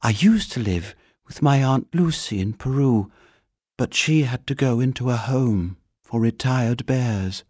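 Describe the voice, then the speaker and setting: A man voicing a small, polite young bear who speaks clearly and earnestly. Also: mid-range voice, a little slow, a little mellow, no room sound, clean studio sound, voice pushed up, lightly acted. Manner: polite, earnest, a little important.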